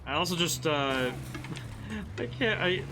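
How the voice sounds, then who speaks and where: A man giving excited, bemused, exclamatory commentary while playing a video game. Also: a little high, slow pace, noisy background. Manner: exclamatory, reacts aloud with ows and laughs. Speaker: game streamer, game designer. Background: game music.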